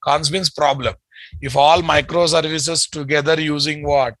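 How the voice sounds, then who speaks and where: A male software instructor speaks English with a Telugu Indian accent in a bright, forceful voice. He lectures at a slow pace, repeating phrases as if dictating notes and often putting questions to his listeners. The sound is close and dry. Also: a little high, fairly even intonation, dry recording.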